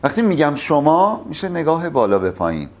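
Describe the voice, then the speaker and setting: Guy teaching public speaking live, talks right to the crowd, lively up-and-down pitch, slightly high voice. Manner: animated, emphatic, addresses audience directly.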